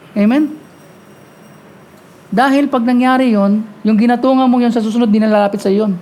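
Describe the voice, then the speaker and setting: A woman preaching a sermon, talking quickly and often asking the congregation "Amen?". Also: on the high side, a little mellow. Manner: mixes Tagalog and English, frequent call-and-response "Amen?"; talks fast at times.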